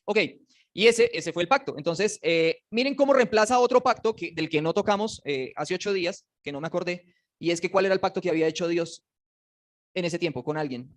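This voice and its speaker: A man teaching a casual Bible class, animated and joking, and putting questions to his students. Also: high-pitched, brisk. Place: classroom with slides.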